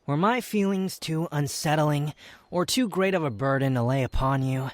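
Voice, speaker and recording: A man playing an aloof, proud, sardonic young wanderer in an intimate roleplay audio drama, speaking in haughty, formal, halting phrases. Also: on the high side, dry recording, close to an everyday voice. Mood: impatient, uneasy. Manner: haughty, formal wording, halting, sighs and scoffs.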